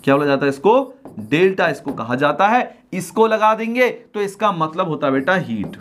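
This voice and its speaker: A man teaching a class, calling students "dear children" affectionately, asking questions and answering them himself, and reading definitions slowly. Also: on the high side, very animated, fairly bright tone, slight background noise. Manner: reads English definitions slowly. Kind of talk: classroom lecture.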